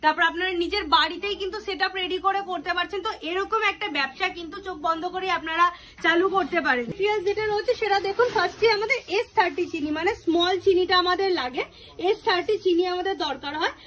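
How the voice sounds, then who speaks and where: A woman with a very high voice makes an upbeat, persuasive pitch. She talks quickly while walking the viewer through a demonstration. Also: a bit bright, slight background noise. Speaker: machine company representative. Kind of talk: promotional on-site demonstration talk.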